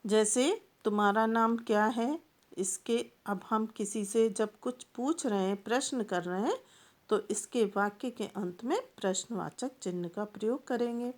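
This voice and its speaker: Woman, teacher, unhurried delivery, mid-range voice, explains step by step with examples. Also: medium pitch, darkish tone. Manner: repeats points with plain examples, pauses often. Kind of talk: slow, patient classroom explanation.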